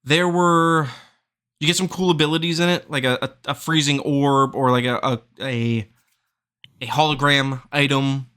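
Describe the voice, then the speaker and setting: A man's voice: medium pitch, steady tone, moderate pace, pushed and bright, clear, resonant tone. A man hosting a gaming podcast in casual chat, rambling and searching for words. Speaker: podcast host.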